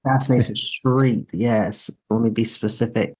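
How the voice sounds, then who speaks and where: A young man from South Georgia speaks as a podcast guest, telling his life story in a relaxed, good-humored way with the odd joke. His voice is at an ordinary middle pitch for a man. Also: measured pace, husky. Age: young adult. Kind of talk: casual interview.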